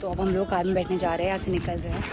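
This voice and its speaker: A woman's voice: on the low side, level tone, rapid-fire. A young Indian woman talking casually to her camera as a travel vlogger, chatty and sounding tired and a little bored. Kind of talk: casual vlog narration to camera. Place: outdoors and in a car on a road trip. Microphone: handheld phone or camera. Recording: loud outdoor and traffic noise.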